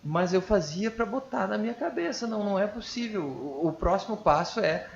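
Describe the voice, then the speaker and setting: A man who sings in a band talks casually as a podcast guest, reflecting in halting phrases. His voice sits slightly high for a man. The recording sounds muffled and lo-fi. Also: expressive, vocal fry. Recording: dull lo-fi audio.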